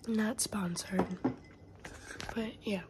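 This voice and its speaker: A college student in her twenties whispers softly into a phone camera held close, chatting casually in a vlog from a small room at home while fighting a cold. Her mid-range voice keeps a steady tone and stretches out its words, her throat scratchy and her nose stuffed up.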